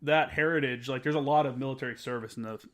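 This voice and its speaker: Fast-talking man hosting a podcast. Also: medium pitch, fairly bright tone. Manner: quick, chummy questioning. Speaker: podcast host, Marine veteran. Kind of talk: casual podcast interview.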